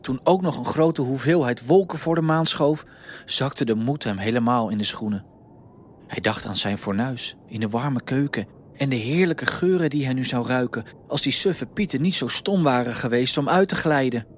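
A man reading a children's story aloud in a calm, lively storytelling manner. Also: mid-range voice, moderate pace, a little hiss or hum.

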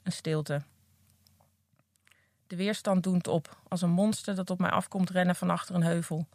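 A woman's voice: fairly low pitch, fairly even intonation, moderate pace, darkish tone, no room sound. A woman reading aloud from her own memoir in an earnest, candid first-person voice, recorded close on a podcast mic. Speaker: recovering addict reading from her own book.

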